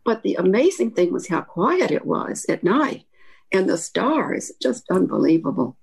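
A woman's voice: mid-range voice, very animated, unhurried, vocal fry, a little mellow, slightly rough. An older woman with a slight Kentucky accent, telling anecdotes in a reflective, rambling way as an interview guest. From Kentucky, Appalachia. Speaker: interview guest, author and academic.

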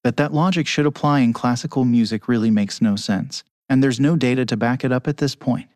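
An anonymous male conductor whose voice is electronically disguised, giving measured, articulate interview answers over a remote call. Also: medium pitch, a little mellow, no room sound. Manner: measured, articulate, argues at length. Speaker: orchestra conductor, anonymous guest. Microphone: remote call with camera off.

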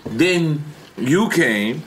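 East coast host, 38, super animated voice that swoops all over, cuts in a lot. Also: male voice, a little high, drawn-out words, poor audio. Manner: animated, interjecting. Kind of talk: casual chat.

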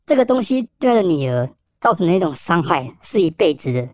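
Man, Taiwanese Mandarin accent, police officer guest, quick casual storytelling, dry close sound. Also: fairly high pitch, no echo. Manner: rapid, animated, mixes in Hokkien phrases.

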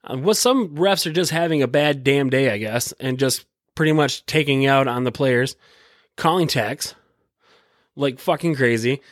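A podcast host from Michigan rambles through solo sports commentary, repeating himself and swearing freely in slangy, casual talk. The American man's medium-pitched voice moves at normal speed, recorded at studio quality with no room sound.

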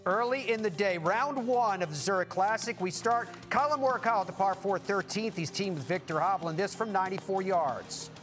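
A man working as a golf commentator, hosting highlights in punchy, presenter-like short phrases. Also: moderate pace, hardly any pauses, a bit bright, faint music behind.

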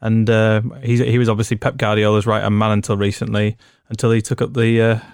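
A man hosts a casual football podcast, steady and guiding as he asks questions and reads out stats. The recording is dry and close, with no room sound around him. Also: lowish voice, fast talker, clear, resonant tone, no echo. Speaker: podcast host. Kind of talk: casual sports chat.

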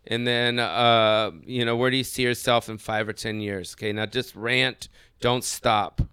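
A man hosts a rowdy talk show, teasing his guests and swearing without a second thought. His voice is bright and forceful, smooth in tone, and sits dry and close to the mic. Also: medium pitch, flat delivery, a little slow, no room sound. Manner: brash, teasing, swears freely. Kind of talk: loose joking talk show chat. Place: studio van with guests.

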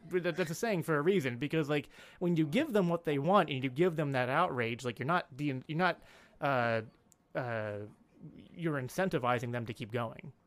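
A man's voice: a little high, normal speed. A man talking through a point in a casual podcast chat. He rambles, restarts his sentences, and leans on filler words as he goes. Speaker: podcast guest. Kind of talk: casual political discussion.

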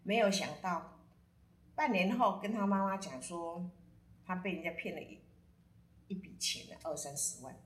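A woman with a Taiwanese Mandarin accent, a podcast guest telling lively stories and mixing in Taiwanese Hokkien words. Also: fairly low pitch, moderate pace, long pauses, echoey room. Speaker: guest telling stories about friends and astrology. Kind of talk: casual podcast storytelling.

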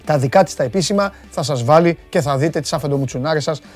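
A man hosting a live sports show, chatting casually and teasing his viewers in a loud, rough voice. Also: on the high side, soft background music. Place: studio.

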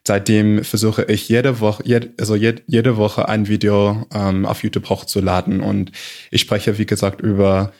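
A man's voice: fairly low pitch, level tone, normal speed, darkish tone. Hesitant American man speaking learner German. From USA, Michigan. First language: English. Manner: hesitant non-native German with many fillers and self-corrections. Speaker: podcast guest. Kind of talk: casual interview chat. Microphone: video call.

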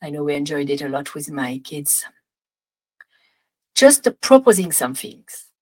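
Slow-talking French-accented woman. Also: low-pitched, very animated, poor audio. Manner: gentle, warm, meandering with restarts. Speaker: podcast host. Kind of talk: casual advice podcast with guided visualization.

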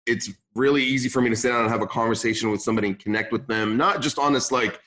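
A man's voice: medium pitch, fairly even intonation, racing, fairly bright tone. A young man from Lebanon raised in California, speaking English as a second language, chatting casually as a podcast guest. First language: not English. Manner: casual, says "man" often, restarts sentences. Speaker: podcast guest, gym business owner. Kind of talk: casual interview chat.

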